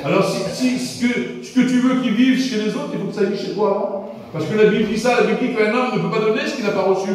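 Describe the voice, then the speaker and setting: Heard from a distance in an echoey church hall, a man from France delivers a casual sermon in a fast, high-pitched voice. His preaching is colloquial and repetitive, and he keeps asking the congregation "vous comprenez" to make sure they understand.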